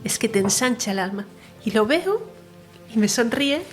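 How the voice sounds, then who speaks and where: A woman's voice: on the high side, lively intonation, moderate pace, faint music behind. A woman recounting her near-death experience in an interview, earnest and emotional, sometimes dropping to a whisper. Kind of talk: personal testimony in an interview.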